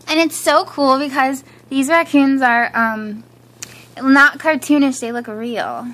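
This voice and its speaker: A woman's voice: high voice, animated, slow, a bit bright, rough recording. A woman chatting casually and upbeat in a home haul vlog, giggling often, filmed indoors on a handheld camera. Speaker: vlogger. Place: living room floor, indoors. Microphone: handheld camera filming from above.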